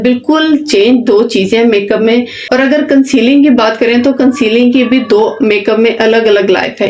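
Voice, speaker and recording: A woman's voice: a little high, darkish tone. A woman teaching an online beautician course, giving plain, direct instructions and often checking in with "okay". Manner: repeats "ठीक है" often, plain simple explanations. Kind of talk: online class lecture.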